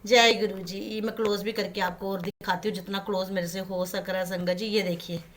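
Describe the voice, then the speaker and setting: A woman, chatting in a devotional home vlog and filming on her phone, coaxing and warm toward her viewers. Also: medium pitch, fairly even intonation, a little fast, a little hiss or hum. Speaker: vlogger. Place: indoors in a home. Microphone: handheld phone camera.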